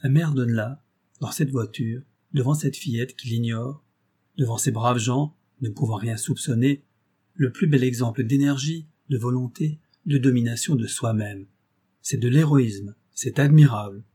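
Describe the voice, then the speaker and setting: Dark, husky-voiced male narrator. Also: medium pitch, measured pace. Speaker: audiobook narrator. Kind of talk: scripted narration.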